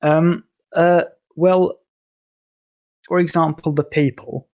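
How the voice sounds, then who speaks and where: This young man from England, a podcast guest, has a slightly high, slightly mellow voice with a steady tone and slow pace. He talks casually and hesitantly, full of ums and false starts.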